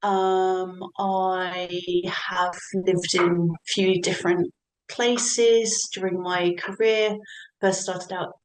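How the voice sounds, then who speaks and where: A woman's voice: fairly low pitch, flat delivery, very slow, reverberant, rough recording. A woman who teaches English, telling about living abroad in a hesitant way with many fillers. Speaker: English for academic purposes teacher. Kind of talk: casual introduction at an online event.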